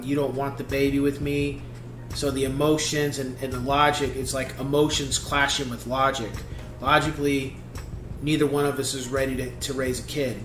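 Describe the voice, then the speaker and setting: A man's voice: medium pitch, noisy background. Man musing in an echoey room. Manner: halting, thoughtful, many restarts. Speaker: album reviewer. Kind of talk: casual spoken album review. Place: small home room, seated indoors.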